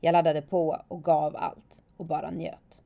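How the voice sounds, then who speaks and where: A woman calmly narrating her own story in the first person, reflective and steady. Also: sits low, creaky, highs cut off. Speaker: former alpine skier telling her story.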